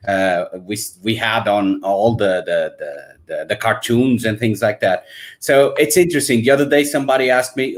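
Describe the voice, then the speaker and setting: A man from Portugal with a Portuguese accent, a guest talking from his room at home over a video call, joking and repeating words as he starts. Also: mid-range voice. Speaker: guest, English teacher. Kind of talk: casual interview answers.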